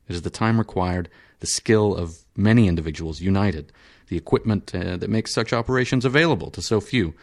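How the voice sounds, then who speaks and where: A male narrator reads an audiobook, giving voice to a calm surgeon whose explanations are flat, measured, formal and endlessly patient. His voice is on the low side for a man and carries little emotion.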